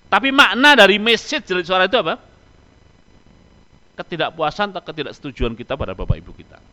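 A man preaching a sermon, quizzing his listeners with rhetorical questions and answering them himself. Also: mid-range voice. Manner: animated, rhetorical questions to the audience. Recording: long hall reverb.

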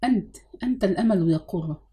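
A woman's voice: mid-range voice, expressive, quick pace, warm tone, close to an everyday voice. A woman reading a proud, pleading aunt. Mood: earnest. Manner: earnest, pleading.

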